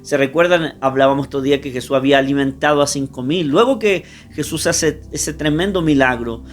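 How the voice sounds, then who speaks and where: A man's voice: mid-range voice, a little fast, faint music behind. A male pastor preaching a sermon in an emphatic way, often turning to speak directly to his listeners.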